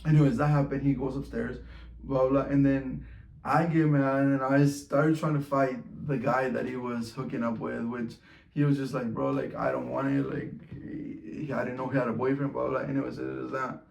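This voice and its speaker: Gravelly man telling a casual story. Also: mid-range voice, little pitch movement, normal speed, a little mellow, reverberant, poor audio. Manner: loose, slangy, full of "like" and "bro", swears freely. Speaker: vlogger.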